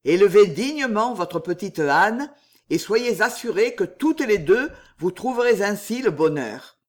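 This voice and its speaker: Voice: mid-range voice, lively intonation. A reader voicing an ominous prophetic count. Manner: measured, ominous. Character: mysterious count, calm prophet of doom. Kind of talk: audiobook reading.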